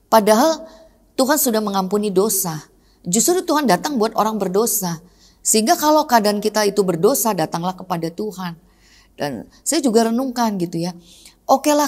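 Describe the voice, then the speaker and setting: A middle-aged woman pastor preaching from the pulpit. Her tone is conversational and personal, and she keeps turning to address the congregation directly. Her voice sits at an ordinary middle pitch. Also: darkish tone. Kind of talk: sermon.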